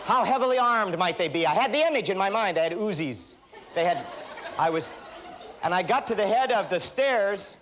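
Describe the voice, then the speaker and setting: Guy doing a motivational talk, kinda high voice, tells funny stories on himself. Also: normal speed, crowd noise, background noise. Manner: animated, self-deprecating storyteller. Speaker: motivational speaker. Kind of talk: seminar talk with anecdotes.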